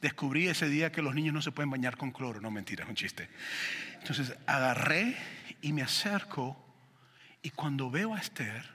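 A man preaching a sermon in church, telling a personal story with animated delivery and asking the congregation questions. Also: medium pitch, moderate pace, breathy edge, in a large hall. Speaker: pastor.

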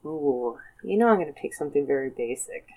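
A woman's voice: low-pitched, animated, fairly quick, warm tone. A woman from the United States in a casual brainstorming chat, rambling with lots of fillers and frequent giggles.

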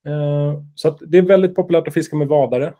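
His voice is fairly high, steady and warm as he co-hosts a relaxed podcast chat. The man explains with fillers, hesitations and restarts, and keeps playfully teasing his co-host partner.

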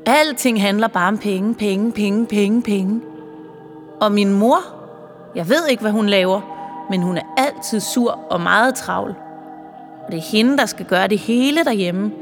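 A woman voicing an unhappy young boy who complains quickly about his family in a children's audiobook. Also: medium pitch, long reverb tail, faint music behind, close to an everyday voice. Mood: complaining.

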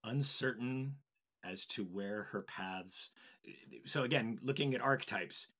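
A man's voice: mid-range voice, a little slow, bright, forceful tone. A man on a podcast panel, talking things through in a thoughtful, reflective way. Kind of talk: casual panel chat.

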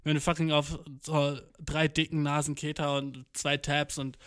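A man's voice: fairly high pitch, little pitch movement, moderate pace, a bit bright, smooth, no echo, studio quality. A young man telling a rambling comic story in a slangy, swearing manner, dropping English phrases and acting out quotes. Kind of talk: rambling comedic monologue.

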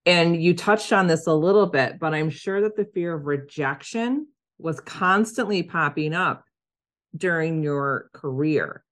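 Woman, podcast host, low voice, affirming, encouraging, casual interview. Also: lively intonation, a little slow.

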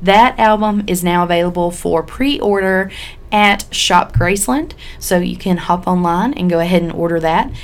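A woman's voice: lowish voice, normal speed. A woman hosting a podcast in a casual, folksy, chatty way, sounding a little sick with a cold. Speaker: podcast host.

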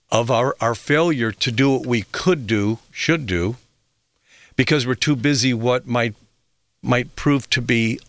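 A man's voice: medium pitch, a bit bright, no room sound. A middle-aged man hosting a health radio show, telling reflective stories with fillers and restarts. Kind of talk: radio talk monologue.

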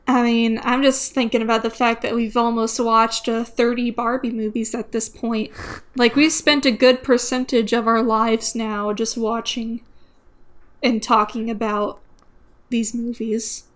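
Casual, slightly high-voiced woman podcaster. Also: little pitch movement, a little slow. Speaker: podcast co-host. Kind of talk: casual film review chat.

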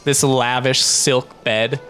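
A man's voice: medium pitch, takes it slowly, over loud music. Man running a tabletop game. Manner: relaxed, loose narration with fillers. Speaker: game master.

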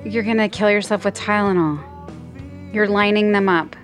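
A woman's voice: medium pitch, steady tone, normal speed, faint music behind. A woman reacting and asking questions in a casual podcast conversation.

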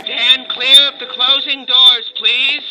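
An actor playing a train conductor who makes formal announcements over the train intercom. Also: male voice, very high voice, little pitch movement, slow, exaggerated voice. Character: male train conductor making routine announcements. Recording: dull lo-fi loudspeaker sound.

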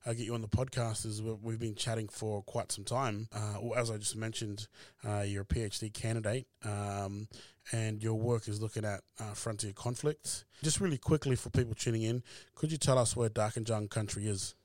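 A man hosting a podcast interview, talking in a relaxed way with many "uh" fillers. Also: lowish voice, moderate pace, dry recording. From Australia. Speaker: podcast host. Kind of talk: casual interview chat.

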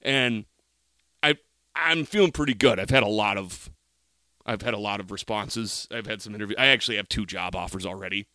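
A man's voice: fairly low pitch, a little fast, sharp tone, no room sound, studio quality. A middle-aged man, telling a rambling, profane story as a podcast co-host. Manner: rambling, profane, exaggerated rants. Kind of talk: casual chat, storytelling.

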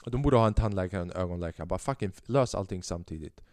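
Low, dark-voiced man telling rambling stories. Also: no room sound, clean studio sound. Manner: rambling storyteller, acts out quotes, swears casually. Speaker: podcast host. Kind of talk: casual comedic monologue.

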